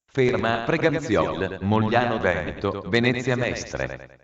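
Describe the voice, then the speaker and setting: Echoey, flat formal male station announcer. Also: lowish voice, takes it slowly, distant mic. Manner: flat, formal, segmented phrasing. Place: train station public address system. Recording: echoey dull station loudspeaker from afar.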